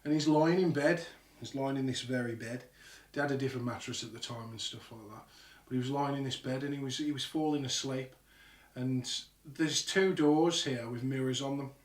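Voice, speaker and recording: A man hosting a live ghost hunt at night, telling an animated, sweary story in casual talk. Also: mid-range voice, moderate pace, distant mic. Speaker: paranormal show host. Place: old house at night. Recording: echoey room, off-mic.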